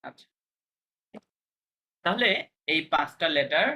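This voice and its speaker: Patient, bright-voiced man teaching a class. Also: fairly high pitch, expressive, slow pace. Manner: patient, step-by-step, checks understanding. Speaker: language teacher. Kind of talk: online class explaining pronunciation rules.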